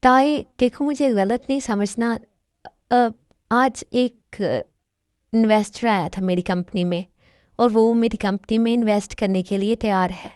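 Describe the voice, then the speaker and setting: A woman's voice: on the high side, unhurried, a little mellow, dry recording, studio quality, close to an everyday voice. Woman doing a worried middle-aged dad. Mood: anxious. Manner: pleading, anxious. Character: worried middle-aged father, company owner. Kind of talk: amateur Hindi dub.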